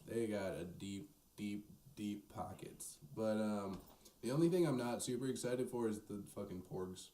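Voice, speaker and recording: A man's voice: fairly low pitch, normal speed, warm tone. A young man in casual podcast chat, rambling and hesitant with many restarts. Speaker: podcast co-host. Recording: echoey room, distant mic, faint noise.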